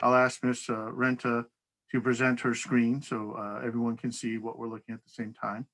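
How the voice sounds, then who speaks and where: A man's voice: medium pitch, flat delivery, moderate pace, fairly bright tone, rough recording. A man chairing a town council public hearing over a video call, talking in an easygoing, procedural way with the odd light laugh.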